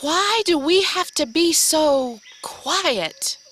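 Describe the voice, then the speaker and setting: Sassy first mate, high and bright, wisecracks. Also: female voice, lively intonation, drawn-out words, a little hiss or hum, full character voice. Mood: cheeky. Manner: wisecracking, exasperated. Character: cheeky female first mate, joking. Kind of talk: children's TV puppet comedy.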